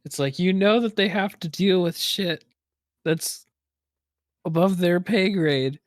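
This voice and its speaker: Young male co-host, slightly high voice, sarcastic storyteller, close dry mic. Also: takes it slowly, no room sound. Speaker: podcast co-host. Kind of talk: casual chat.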